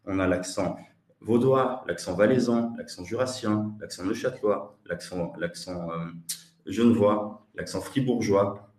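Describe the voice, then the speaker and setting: A man's voice: fairly low pitch, a little slow, a little mellow, echoey room, far from the mic. A man from Switzerland with a Swiss French accent, teaching an online webinar lesson, hesitant and repeating his words as he answers the chat.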